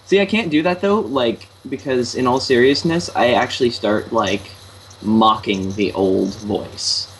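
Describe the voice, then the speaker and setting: A man chatting casually, enthusiastic and quick to laugh. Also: medium pitch, fairly bright tone, rough recording. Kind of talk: casual group chat.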